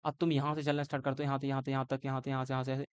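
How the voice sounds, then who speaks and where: A man teaching an exam-prep lesson on idioms. He quizzes himself with questions, mixes Hindi and English, and slows down to spell out each phrase. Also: mid-range voice, monotone, clear, resonant tone, dry recording. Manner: explains with repeated questions and answers; calls students bhaiya.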